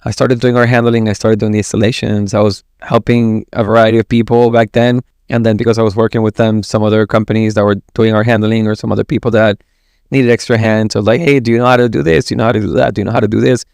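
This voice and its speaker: Gravelly low-voiced man, relaxed. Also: quick pace, no room sound, studio quality. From Ecuador. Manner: relaxed, rambling, with many restarts. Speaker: gallery director, guest. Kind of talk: casual interview chat.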